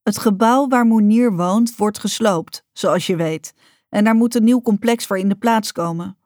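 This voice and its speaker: A woman voicing a stern mother in a storybook reading, speaking firmly and with a sharp tone. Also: mid-range voice, unhurried, dry recording, studio quality, close to an everyday voice. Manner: firm, sharp-toned.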